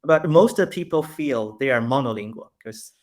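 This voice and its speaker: A man's voice: medium pitch, lively intonation, normal speed, darkish tone. A young man from Taiwan, a polyglot guest, chatting in a friendly way over a video call and laughing often. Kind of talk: casual interview answers.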